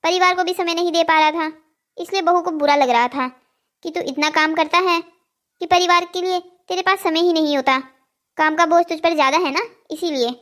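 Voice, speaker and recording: A woman's voice: extremely high pitch, fairly even intonation, normal speed, fairly bright tone. A woman playing a sly older mother-in-law in a cartoon. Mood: soothing. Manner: soothing, slyly teasing. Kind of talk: Hindi cartoon voice acting.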